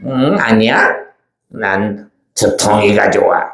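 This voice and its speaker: A man doing a gravelly, sneering devil puppet. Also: fairly low pitch, animated, slow, a bit bright, a little hiss or hum, heavily acted. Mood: taunting. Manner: taunting, cackling, shrieks when struck. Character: sneering male lying devil puppet, bullying and boastful. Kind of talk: children's church puppet show. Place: church hall, live show. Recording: echoey church hall, faint music.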